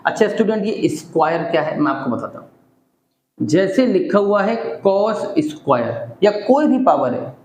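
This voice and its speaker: A man's voice: high voice, very animated, moderate pace, a little mellow, reverberant, slight background noise, poor audio. A man teaching a maths lesson, explaining each step in turn and mixing Hindi with English terms. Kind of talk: classroom maths lecture.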